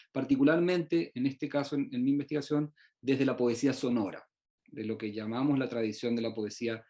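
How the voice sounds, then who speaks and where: A middle-aged man, born in Uruguay and raised in Chile, gives an online research presentation, halting often with fillers and restarts. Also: medium pitch, darkish tone. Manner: hesitant, many fillers and restarts. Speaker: researcher presenting his work.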